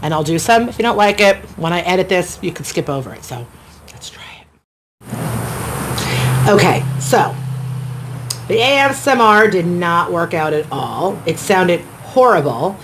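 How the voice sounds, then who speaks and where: A woman's voice: on the low side, animated, moderate pace. A middle-aged woman from Florida chatting casually while eating on camera outdoors at her home, rambling between bites. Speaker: mukbang vlogger. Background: faint outdoor ambience, construction noise.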